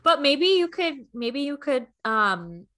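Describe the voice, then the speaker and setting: A woman's voice: high-pitched, big pitch swings, slow, fairly bright tone. A woman co-hosting a casual podcast, chatting in an encouraging way with lots of fillers. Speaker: podcast co-host.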